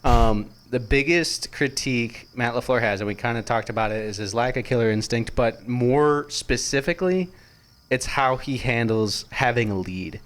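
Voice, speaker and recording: A young man co-hosting a sports podcast, chatting casually, joking and rambling with quick laughs. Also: medium pitch, a bit bright. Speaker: podcast co-host.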